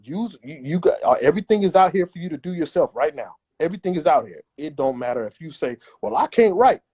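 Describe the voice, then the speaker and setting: A man's voice: a little high, lively intonation, quick pace, mellow, husky. Emphatic man giving casual advice. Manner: emphatic and repetitive, acts out imagined voices. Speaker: interview guest.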